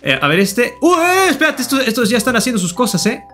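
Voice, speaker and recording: A man's voice: very high-pitched, sing-song, quick pace, bright, forceful tone, faint music behind. A man doing playful Minecraft gameplay commentary, joking and teasing the game characters as he plays. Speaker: gaming YouTuber.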